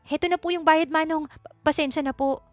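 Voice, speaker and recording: A woman's voice: sits high, fairly even intonation, a little fast, no echo, faint music behind, pitched above the performer's own voice, close to an everyday voice. A woman voicing a timid young provincial schoolteacher who stammers and keeps apologizing in a storybook reading. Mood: flustered.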